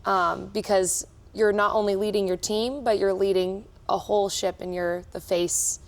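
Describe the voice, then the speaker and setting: A woman's voice: mid-range voice, steady tone, moderate pace. Upbeat young woman cruise director. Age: young adult. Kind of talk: casual interview answers.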